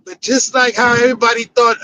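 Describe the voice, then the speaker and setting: A man's voice: very high voice, flat delivery, pushed and bright, a little hiss or hum, poor audio. A man in a heated casual debate, explaining his point at length with many restarts. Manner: drawn-out explaining with frequent restarts. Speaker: podcast debater.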